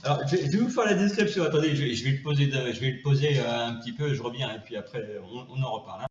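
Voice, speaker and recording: A man rambling through a comedic vlog, full of fillers and restarts, sometimes switching to high cooing baby talk. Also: fast, reverberant, highs cut off, a little hiss or hum. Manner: hesitant, many fillers and restarts. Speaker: vlogger. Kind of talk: improvised comedic monologue.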